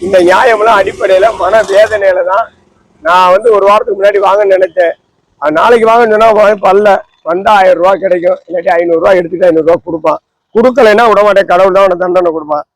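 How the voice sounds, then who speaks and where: A man's voice: high-pitched, fairly even intonation, fast talker, rough recording. A man, a holy man, talking outdoors under a tree in an impassioned, lamenting and preachy way. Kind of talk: impassioned talk.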